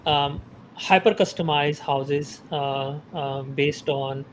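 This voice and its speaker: A man from Pakistan, a podcast guest, talking casually in a halting way full of fillers and restarts. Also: fairly high pitch, fairly even intonation, background noise.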